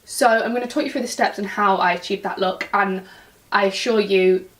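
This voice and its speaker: A woman's voice: mid-range voice, steady tone, moderate pace, fairly bright tone. A young woman with a nasal voice, still recovering from an illness, chatting casually through a makeup tutorial with lots of ums. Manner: chatty and rambling, many ums. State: recovering from illness, swollen glands. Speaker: beauty YouTuber. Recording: somewhat distant mic, faint music.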